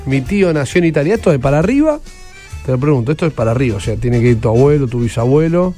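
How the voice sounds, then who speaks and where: Slangy, fast-talking host. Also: male voice, medium pitch, animated, warm tone, soft background music. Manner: joking, slangy. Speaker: radio host. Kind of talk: casual radio chat.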